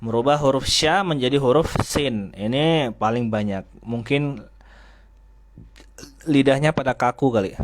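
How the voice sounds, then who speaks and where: A man teaching Quran recitation, sounding out Arabic letters and asking his students questions. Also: medium pitch. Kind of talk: tajwid lesson. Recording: faint noise with clicks.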